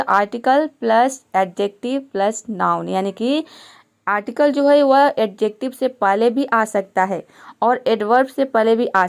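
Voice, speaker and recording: A woman's voice: fairly high pitch, smooth. A woman teaching English grammar step by step, patiently asking questions and answering them herself.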